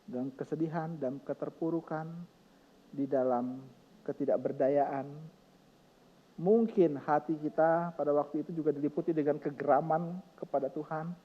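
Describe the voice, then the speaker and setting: A middle-aged man preaching a sermon as pastor, emphatic and passionate, moving between loud exclamations and soft, tender lines. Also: on the high side, steady tone, normal speed, big-room sound, highs cut off.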